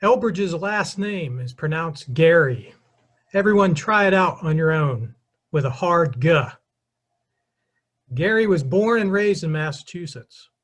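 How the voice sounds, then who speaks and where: A middle-aged man giving a brisk history lecture with slides, addressing the audience directly and explaining clearly. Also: sits high, fairly bright tone.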